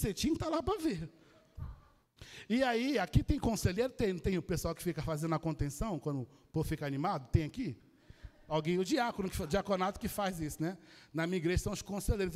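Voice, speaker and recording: A man with a Brazilian Portuguese accent preaching a sermon, telling a story with lively energy and calling out to the congregation. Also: high-pitched, long reverb tail. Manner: animated storytelling, addresses the congregation. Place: church.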